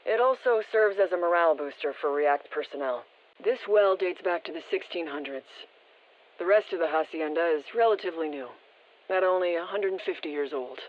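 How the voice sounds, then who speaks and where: Speaking a little fast in a voice on the low side, a woman delivers scripted game lines as a restrained, informative female field briefer. It comes through as a muffled, band-limited radio transmission.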